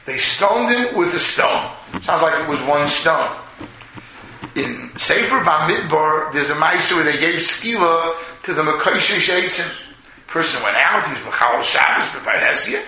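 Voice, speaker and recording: A man's voice: on the high side, gravelly, pushed and bright. A man giving a Torah sermon as a rabbi, mixing with Hebrew and terms and telling stories with rhetorical questions. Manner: storytelling, rhetorical questions, voices imagined speakers, repeats phrases; mixes English with Hebrew and Yiddish terms. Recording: echoey room, faint noise.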